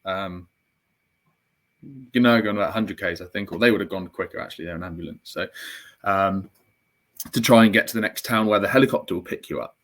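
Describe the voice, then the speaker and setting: A man's voice: sits low, a little fast, long pauses, a bit bright. A young man, an interview guest, telling a personal story in a reflective, candid way with frequent fillers and restarts.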